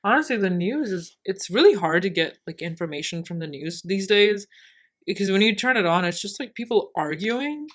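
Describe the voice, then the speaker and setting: A woman's voice: mid-range voice, lively intonation, normal speed. A young woman in her twenties, co-hosting a podcast in casual chat, rambling with many fillers and laughing, a little tipsy. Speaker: podcast co-host.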